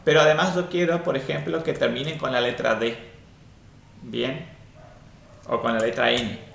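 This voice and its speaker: A man's voice: medium pitch, little pitch movement, normal speed, creaky, fairly bright tone, reverberant. A man teaching a programming class live and explaining step by step, often checking in with "¿sí?".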